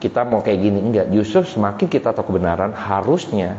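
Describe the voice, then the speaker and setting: A man's voice: fairly low pitch, lively intonation, fast, dark tone, a little hiss or hum. A man pastor preaching a sermon in a casual, chatty way, talking straight to the congregation. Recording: roomy dull hall sound with faint ambience.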